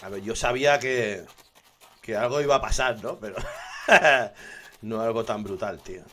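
A man with a Spain Spanish accent giving live gameplay commentary, excitable, swearing constantly and laughing often. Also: on the low side, moderate pace. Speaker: gaming streamer.

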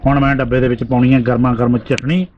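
A man's voice: medium pitch, level tone, fast, crowd noise. A man with a Punjabi accent chatting casually as host of a family vlog. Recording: muffled audio with clear background noise.

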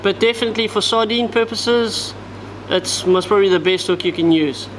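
A man's voice: sits high, moderate pace, a bit bright, a little hiss or hum, low-quality recording. A man, giving a step-by-step fishing knot tutorial at a table in a tackle shop, talking as he works with his hands. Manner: step-by-step, talks while working with his hands.

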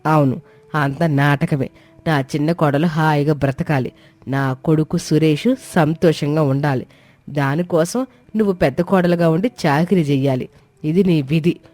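A woman's voice: deep voice, normal speed, a little mellow, close to an everyday voice. A woman voicing a scheming, domineering middle-aged mother-in-law who talks in a scornful, commanding way. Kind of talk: Telugu audio drama acting.

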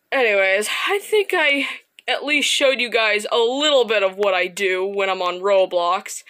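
A woman's voice: medium pitch, slow pace, fairly bright tone. A woman commenting on a horror game as she plays, often breaking into panicked screams and shrieks, her voice strained from all the screaming. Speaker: gaming video host.

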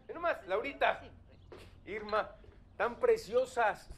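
An earnest schoolteacher. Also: male voice, very high-pitched, slow pace, slight background noise, full character voice. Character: male primary teacher, patient, firm with pupils. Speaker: primary school teacher. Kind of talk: TV drama acting. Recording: TV drama with loud music score.

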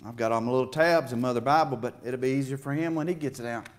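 A far camera records a middle-aged man preaching a heartfelt testimony from a church stage, his delivery swelling with emphasis and emotion. He talks at a quick pace with medium pitch.

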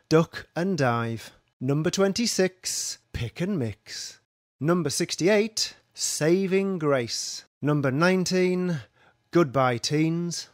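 A man calls bingo in a fairly high voice. He takes his time over each number and nickname, with a very animated, sing-song pitch. The sound is close and dry. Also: dry recording. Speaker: bingo caller. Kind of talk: online bingo number calling with rhyming nicknames.

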